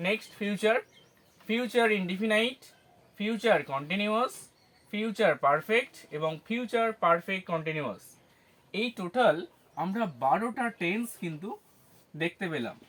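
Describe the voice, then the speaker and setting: A man's voice: high voice, fairly bright tone. A man teaching an English grammar lesson, asking questions and answering them himself, spelling words out syllable by syllable. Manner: slow, syllable-by-syllable explanations with self-answered questions.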